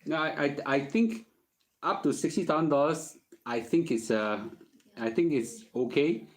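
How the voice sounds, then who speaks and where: A man's voice: on the high side, a little slow. A middle-aged man with a Singaporean accent chats casually as a host answering questions, using colloquial Singlish phrasing and often checking in with "okay?". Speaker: host giving personal finance advice.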